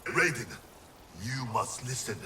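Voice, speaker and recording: An actor voicing Scorpion, a grim, solemn ninja seeking redemption, speaking formally and with measure in a video game cutscene. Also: male voice, medium pitch, animated, measured pace, background noise, close to an everyday voice. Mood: urgent. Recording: music behind.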